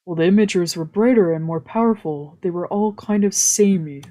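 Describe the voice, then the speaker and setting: A woman with a fairly low, mellow voice reads a visual novel aloud at a moderate pace while game music plays behind her. As a streamer doing a dramatic let's play, she moves between narration and casual asides.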